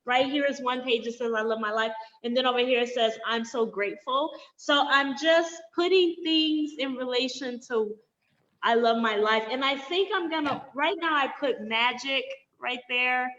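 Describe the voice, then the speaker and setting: A woman with a high, bright voice chats casually as a guest. She rambles and keeps interrupting herself. The audio sounds dull and lo-fi. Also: normal speed. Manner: rambling, self-interrupting, giggly. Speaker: guest participant. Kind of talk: casual chat.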